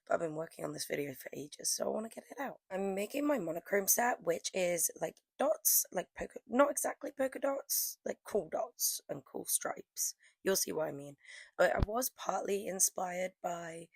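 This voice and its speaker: A young woman with a cold, her voice on the low side and gone hoarse and croaky, chats through her press-on nail art at a moderate pace. Her intonation stays lively as she rambles with many fillers in casual vlog narration, with no echo.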